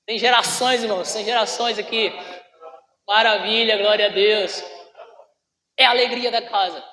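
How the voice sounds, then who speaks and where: High-voiced pastor preaching in a hall. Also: male voice, steady tone, normal speed, a crowd in the background. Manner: preaching to the congregation, often calling out "brothers" and asking questions. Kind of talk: sermon. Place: church hall. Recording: echoey church hall with long reverb.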